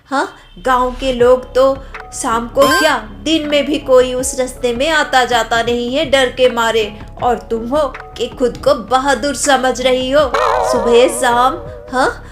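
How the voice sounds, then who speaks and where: Woman doing a nagging cartoon mother-in-law, slow and high-ish, fretful. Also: close to an everyday voice. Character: worried scolding older mother-in-law. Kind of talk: cartoon story voice acting.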